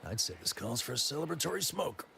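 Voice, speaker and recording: A man's voice: mid-range voice, big pitch swings, quick pace, vocal fry, pushed and bright, breathy edge, heavily acted. A man playing a folksy, easygoing frontier drone technician in a video game, with homespun turns of phrase. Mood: easygoing, pleased. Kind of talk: video game character dialogue.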